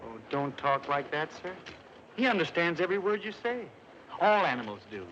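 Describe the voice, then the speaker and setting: A meek, kindly man coaxes and soothes in a polite, lilting voice that rises and falls freely. The sound is muffled, with steady hiss from an old film print. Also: fairly high pitch, moderate pace. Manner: soft-spoken, coaxing, polite. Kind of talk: 1950s film acting.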